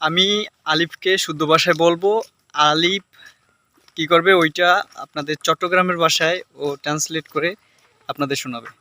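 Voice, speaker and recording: A man's voice: a little high, steady tone, moderate pace, pauses often, pushed and bright, dry recording. A man chatting casually to vlog viewers and the people with him. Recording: clear background noise with clicks.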